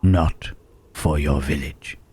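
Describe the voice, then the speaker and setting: A man playing a gentle, brooding, melancholy monster in an ASMR roleplay, with halting, solemn, formal speech and a breathy voice. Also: steady tone, heavily acted. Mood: sorrowful, earnest. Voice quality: husky, breathy, deep.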